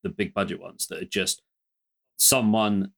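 Low-voiced male guest with a sharp, bright edge, halting and unsure. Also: steady tone, creaky. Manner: hesitant, many "um" and restarts. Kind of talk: casual chat.

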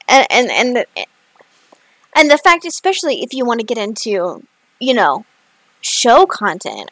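Woman chatting on a podcast, kinda high voice, lots of "you know"s, jumps up and down in pitch, dry close mic. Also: no room sound, rough recording. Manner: chatty, lots of fillers, big pitch swings. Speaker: podcast co-host. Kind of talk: casual chat. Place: rural area, far from a city.

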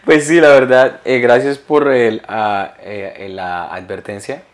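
A man's voice: mid-range voice, steady tone, a little slow. A young man co-hosting a casual comedy podcast, teasing and wry, who often chimes in to agree. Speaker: podcast co-host.

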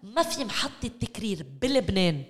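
A woman with a Lebanese Arabic accent talks quickly in an interview discussion. She stresses her points by repeating words. The recording carries the long reverb of a hall. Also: mid-range voice, animated. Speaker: interview guest, local development expert. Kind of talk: animated discussion.

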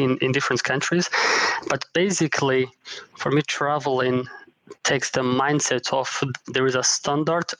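A man's voice: medium pitch, fairly bright tone, no room sound, rough recording. A man from Morocco, a guest speaking hesitantly in a casual interview, with many "um" fillers. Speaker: guest, travel startup co-founder.

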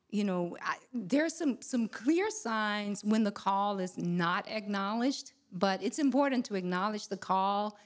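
A woman presenter giving a conference talk, measured and often pausing on fillers and restarts. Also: medium pitch. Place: convention hall.

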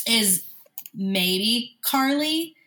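Bright-voiced woman with a smoker's cough. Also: a little high, expressive, drawn-out words. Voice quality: smoker's cough, frequent throat clearing. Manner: analytical, recites player statistics. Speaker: sports talk show host. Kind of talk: casual sports chat.

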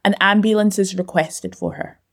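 A woman giving scripted documentary narration in a measured, even way. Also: medium pitch.

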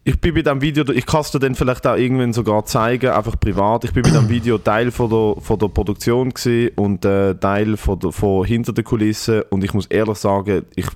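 A man with a Swiss German accent and a phlegmy smoker's rasp, chatting casually with lots of slang, swearing and emphasis. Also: on the low side, fairly even intonation, brisk, few pauses, darkish tone, no echo. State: congested with phlegm. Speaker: comedian and podcast host. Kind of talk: casual podcast banter.

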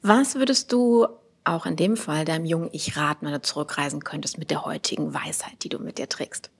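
A woman from Düsseldorf hosting an interview podcast in an art gallery, friendly and quick to laugh. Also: low voice, vocal fry, husky. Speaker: podcast host.

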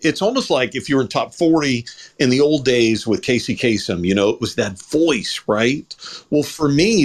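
Animated man co-hosting a radio chat. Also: mid-range voice. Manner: enthusiastic, animated storyteller. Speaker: co-host.

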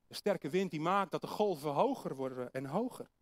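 A high-pitched man delivers a sermon to a congregation. He explains things patiently and poses questions for his listeners to think over. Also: lively intonation, moderate pace. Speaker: preacher. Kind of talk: sermon with Bible reading.

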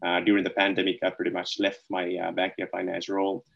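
A man's voice: low voice, completely flat delivery, fast talker, creaky, lo-fi sound. A man from Sri Lanka, chatting casually as an interview guest and rambling with lots of "like, you know".

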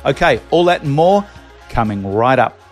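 A man's voice: mid-range voice, expressive, normal speed, faint music behind. A man hosting a podcast, delivering a scripted introduction to the episode. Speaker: podcast host.

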